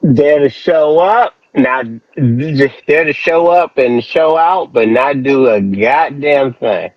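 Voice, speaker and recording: A podcast co-host, a man with a medium-pitched voice, talks slowly and casually about wrestling, laid-back and swearing freely. The dry recording sounds like a dull, lo-fi phone line, thin and distant through a headset.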